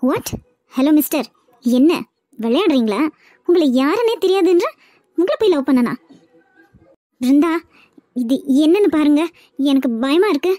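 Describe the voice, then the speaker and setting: A woman's voice: high voice, animated, normal speed, long pauses, dark tone, no echo, studio quality. A woman voicing a frightened young widow in a cartoon, flustered but refusing firmly, with a Kanyakumari Tamil accent. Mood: scared, firm. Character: frightened young widow, new office worker. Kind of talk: cartoon web series dubbing.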